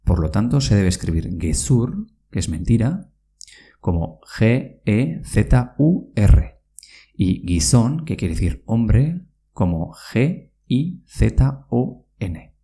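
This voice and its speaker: A man teaching a podcast pronunciation lesson, speaking slowly and carefully, spelling words out letter by letter and repeating them. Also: mid-range voice, big pitch swings, dark tone. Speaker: Basque language teacher.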